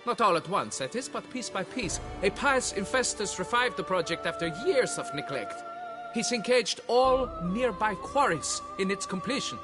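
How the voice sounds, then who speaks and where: A man's voice: high voice, wildly swooping pitch, normal speed, over music. A man voicing a fussy, blustering quarry foreman in a game fan dub, flustered and pleading, with old-fashioned oaths.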